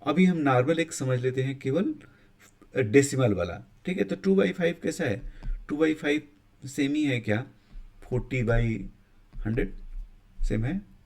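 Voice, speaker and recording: A man gives a maths lesson in a relaxed, explanatory way, often checking in with students with "ठीक है" and sometimes starting his sentences over. His voice is mid-range, animated and slightly dark in tone.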